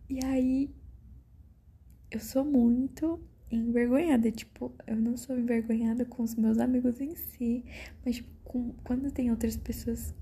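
A teenage girl with a Brazilian Portuguese accent, hosting a podcast and telling a personal story in a breathy voice that slips into half-whispers. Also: on the high side, warm tone. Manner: breathy, drifting into half-whispers, fillers like "tipo" and "mano". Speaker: podcast host.

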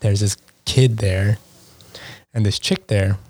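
A man in a casual podcast chat, talking in an animated, slangy way. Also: fairly low pitch, slow, slightly rough, no room sound.

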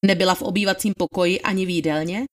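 A woman's voice: on the low side, fairly even intonation, lightly acted. A woman reading the part of a methodical male attorney questioning a witness, in a formal, probing manner. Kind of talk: dramatized trial testimony reading.

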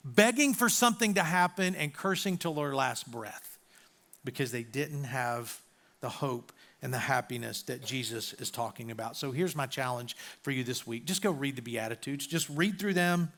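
Bright, emphatic preacher man. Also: mid-range voice, lively intonation, normal speed. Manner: emphatic, swings between loud punchy lines and quiet drops. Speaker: pastor. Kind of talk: sermon. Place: church auditorium.

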